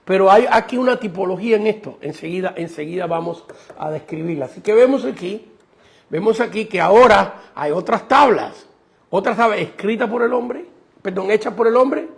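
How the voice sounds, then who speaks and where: A male pastor delivers an emphatic sermon and keeps turning to the congregation with rhetorical questions. His voice sits high for a man and has a rough, gravelly edge. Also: expressive, moderate pace.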